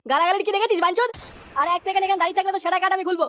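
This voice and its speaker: Fast, shrill woman in a crude cartoon. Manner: rapid, crude, shouting. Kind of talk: cartoon comedy voice acting.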